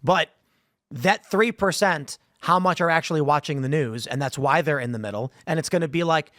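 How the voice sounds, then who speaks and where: Blunt podcast host, slightly high voice. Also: male voice, normal speed, fairly bright tone, no room sound, studio quality. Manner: blunt, casual slang. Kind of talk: casual political discussion.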